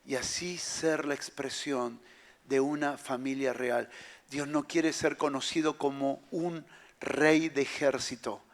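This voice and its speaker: A man's voice: medium pitch, steady tone, slow. A man preaching a sermon as pastor, emphatic and repeating his key phrases.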